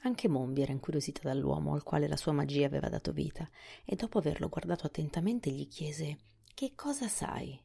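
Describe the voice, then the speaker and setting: A woman narrating a storybook in a soft, often hushed reading voice. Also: deep voice, fast, vocal fry, breathy edge. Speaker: audiobook narrator.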